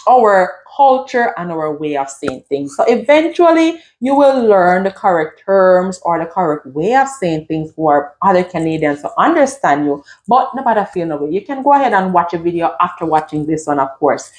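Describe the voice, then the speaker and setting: A woman's voice: on the low side, moderate pace, hardly any pauses. A middle-aged woman from Jamaica with a Jamaican accent, talking casually to camera as a vlogger and slipping into patois phrases. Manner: lively, switches into patois phrases.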